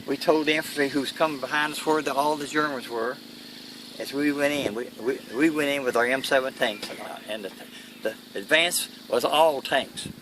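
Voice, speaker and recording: A man's voice: medium pitch, steady tone, normal speed. Old guy w/ kentucky accent telling war memories, plain talk, bit far from the mic, lots of vehicle noise. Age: elderly, 80s or older. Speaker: World War II veteran being interviewed. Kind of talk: first-hand war recollection. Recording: noisy, distant mic, vehicle-like background noise.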